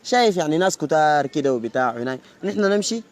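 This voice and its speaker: A man playing a smooth-talking Sudanese student. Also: fairly high pitch, big pitch swings, fast talker. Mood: charming. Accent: Sudanese Arabic. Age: young adult. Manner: chatty, keeps saying "you know?". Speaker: university student.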